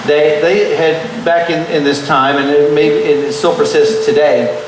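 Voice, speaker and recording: A man's voice: on the high side, fairly even intonation, unhurried, noisy background. A man hosting a casual interview, joking and hesitant, with many fillers. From Texas. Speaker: talk show host. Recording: echoey room, mic at a distance.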